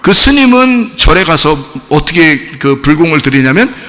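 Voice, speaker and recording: A man's voice: on the high side, sing-song, moderate pace, sharp tone. A middle-aged man preaching a sermon as pastor, telling stories animatedly with mimicry and laughter. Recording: long hall reverb.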